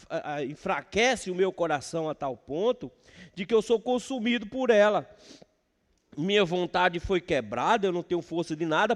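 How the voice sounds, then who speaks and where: A Brazilian man preaching a sermon as pastor, swinging between loud emphasis and hushed words. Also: sits high. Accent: Brazilian Portuguese. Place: church sanctuary. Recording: church hall reverb.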